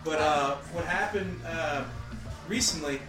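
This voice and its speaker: A man's voice: fairly high pitch, a little slow, music in the background. A man chatting and joking casually as a podcast guest in a living room. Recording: distant, echoey living room.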